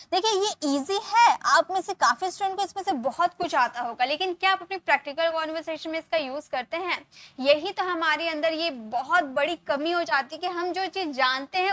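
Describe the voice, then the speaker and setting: A woman teaching English in Hindi. She explains each phrase, then slowly says the English sentence and checks in with "okay". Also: high voice, a bit bright, no room sound. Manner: repeats points, often adds "ठीक है" and "okay". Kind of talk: spoken English lesson.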